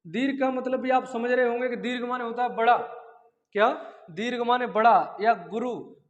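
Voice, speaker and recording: A man's voice: very high voice, steady tone. A male teacher giving an exam-prep grammar lecture, who asks and answers his own questions and stretches out vowels as examples. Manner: drawn-out vowels and chanted syllables as examples. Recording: dull lo-fi audio in a long-echo room.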